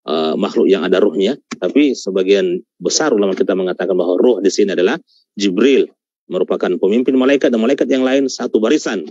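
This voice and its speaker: A male Quran teacher giving a tafsir lecture, reciting Arabic verses and explaining them in a halting way with many fillers. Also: fairly low pitch, darkish tone, no room sound. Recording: dull, lo-fi sound.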